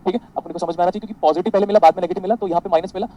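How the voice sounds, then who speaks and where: Quick guy teaching online engineering class, mixes hindi and english, dark mellow voice. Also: high voice, fairly even intonation, muffled recording. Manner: sarcastic, exaggeratedly polite.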